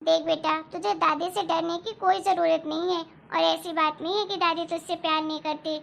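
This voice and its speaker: A woman doing a gentle loving mother. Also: very high-pitched, fairly even intonation, normal speed, vocal fry, a little hiss or hum, full character voice. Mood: soothing. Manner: soft, soothing. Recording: dull lo-fi recording.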